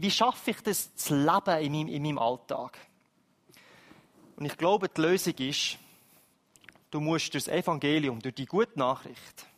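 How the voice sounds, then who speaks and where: High-voiced preacher with Swiss accent. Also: male voice. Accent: Swiss German. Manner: lively, emphatic, conversational. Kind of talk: sermon.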